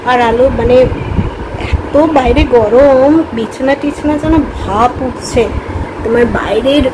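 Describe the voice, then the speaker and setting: A woman's voice: high voice, background noise. A woman, a mother chatting casually to her viewers in a home vlog. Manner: chatty, addresses viewers directly. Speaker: vlogger, mother.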